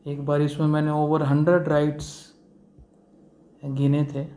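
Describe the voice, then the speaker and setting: A man's voice: a little high, completely flat delivery, measured pace, warm tone. A man giving a law lecture, explaining step by step and mixing in English legal terms, with fillers and rhetorical questions. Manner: asks the class rhetorical questions. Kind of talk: classroom lecture.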